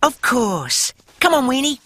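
A woman voicing a cheerful, helpful young male octopus in a cartoon, friendly and eager with a bright boyish voice. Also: sits high, big pitch swings, unhurried, faint music behind, full character voice. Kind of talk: cartoon voice acting.

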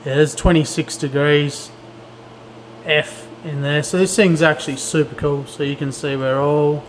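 A middle-aged vlogger and DIY builder speaks a little slowly with fairly even intonation, his voice on the high side. He chats in a laid-back, slangy way to a handheld camera in a large indoor pole barn workshop, with the arm's-length mic catching echo and clear background noise.

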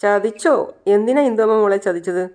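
In the narrator's telling, a doting father who babies his sulking little girl. He coaxes and soothes in a gentle, sing-song way, a soap-opera retelling. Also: medium pitch, a little fast, voice pushed up, close to an everyday voice. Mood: coaxing. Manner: coaxing, babying tone. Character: doting young father, soft and coaxing.

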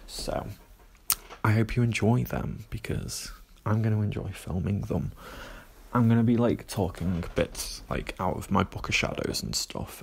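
Slow, gravelly man rambling. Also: lowish voice, darkish tone. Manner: rambling, frequent "like" and "um". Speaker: vlogger. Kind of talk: casual rambling vlog chat. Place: woodland path outdoors, walking.

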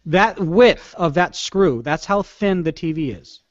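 A man's voice: on the high side, animated, a little slow, dry recording. A man co-hosting a casual tech podcast in a joking, easygoing way. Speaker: podcast co-host. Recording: dry, dull lo-fi podcast audio.

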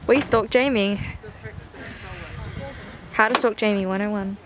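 Young woman teasing her mate on a vlog, slow talker, outdoor noise. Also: medium pitch, steady tone. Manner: teasing, playful, loud. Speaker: vlogger at a pony club event. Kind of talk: casual chat. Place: outdoors at a horse event.

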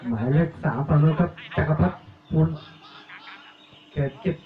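A man giving live commentary on a village football match, reeling off player numbers and names and getting louder on attacks. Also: fairly high pitch, moderate pace. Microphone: cheap tablet recording. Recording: echoey, tinny, phone-like audio.

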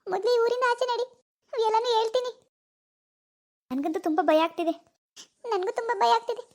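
A woman's voice: very high voice, quick pace, darkish tone. Woman voicing Bangari, an anxious teen schoolgirl. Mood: urgent. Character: worried teenage village schoolgirl in love. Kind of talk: cartoon voice acting.

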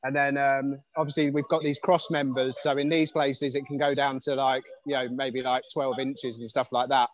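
A man's voice: mid-range voice, level tone, normal speed, few pauses. Casual Englishman giving a walkthrough. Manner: casual, many fillers. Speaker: stadium grounds manager. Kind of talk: guided walkthrough.

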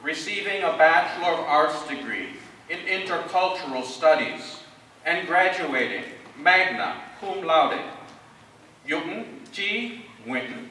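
Slow, bright-voiced male announcer in echoey hall. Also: a little high, lively intonation, recorded from a distance, a little hiss or hum. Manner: slow, measured, deliberate name reading. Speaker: commencement name reader. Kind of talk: formal ceremony announcing. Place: large ceremony hall.

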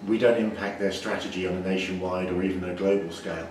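A man in his forties, a brewer, explaining things in a measured way with frequent restarts during an interview in a brewery. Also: low-pitched, steady tone. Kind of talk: interview answers. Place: indoor brewery floor. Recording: echoey, distant, noisy brewery room.

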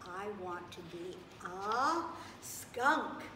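An older woman voicing a discontented, wishful young boy bunny from a storybook, reading as if to a toddler with emphatic, drawn-out words. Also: medium pitch, lively intonation. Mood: insistent. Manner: emphatic, sing-song listing with drawn-out final words. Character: young male bunny, discontented, wishful, stubbornly declaring wishes. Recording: echoey, noisy room, distant microphone.

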